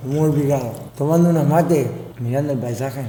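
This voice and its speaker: Argentine man, warm voice in an echoey room. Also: medium pitch, normal speed. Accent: Argentine Spanish. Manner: rambling, teasing, turns emphatic when lecturing. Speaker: streamer host. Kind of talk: casual chat. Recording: echoey roomy space with faint noise.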